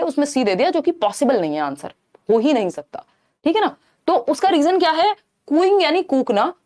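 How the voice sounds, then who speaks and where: A woman teacher running a live online exam-prep class, explaining step by step, slipping in English terms and often checking that listeners are following. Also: on the high side.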